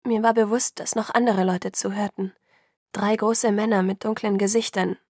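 A woman reading a first-person novel aloud in a steady, even storytelling manner. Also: medium pitch, moderate pace, dry recording, studio quality. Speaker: audiobook reader.

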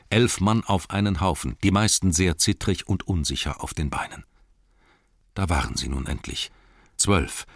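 A man narrating a storybook in an expressive, lively way, with asides to his listeners. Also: a bass voice, no echo, studio quality. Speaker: audiobook narrator.

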